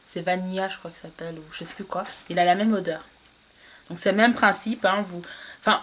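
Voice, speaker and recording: A woman's voice: mid-range voice, a little hiss or hum. A woman chatting casually to camera about beauty products she bought, hesitating often with fillers and restarts. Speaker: beauty vlogger. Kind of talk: casual product haul review.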